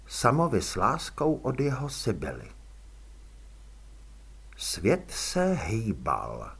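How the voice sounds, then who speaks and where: A male audiobook narrator telling the story with expressive drama. His voice is bright and slightly husky, and it moves animatedly up and down in pitch.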